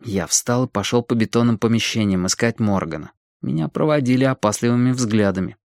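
A man reading an audiobook in a calm, even storytelling manner. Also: mid-range voice, brisk, gravelly, dry recording, studio quality. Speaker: audiobook narrator. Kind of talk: audiobook narration.

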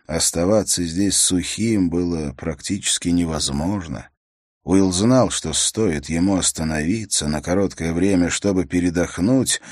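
A man reading an adventure novel aloud as an audiobook narrator, in a measured, steady storytelling manner. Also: low-pitched, no room sound, studio quality.

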